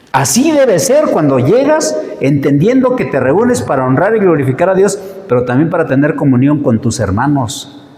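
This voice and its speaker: A man with a Mexican accent preaching a sermon, animated, acting out short quoted exchanges and asking many rhetorical questions. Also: a little high. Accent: Mexican Spanish. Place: church hall. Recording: echoey church hall with long reverb.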